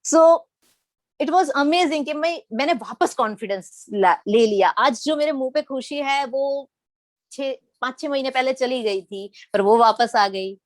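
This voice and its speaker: A middle-aged woman from Gujarat sharing her personal story in a lively storytelling manner, acting out the quoted lines. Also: high voice, a little slow, dry recording. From Gujarat, India. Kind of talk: personal testimony talk.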